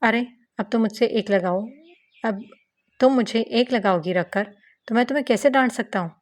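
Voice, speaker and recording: A woman voicing a playful, teasing young husband in an audiobook novel reading, with quick banter. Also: fairly high pitch, darkish tone, close to an everyday voice.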